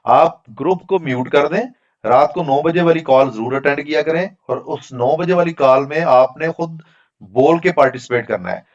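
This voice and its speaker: A man from Pakistan with a fairly high voice teaches an online class over a video call, speaking at normal speed. The audio is dull. As the instructor, he answers students' questions frankly, explaining things conversationally.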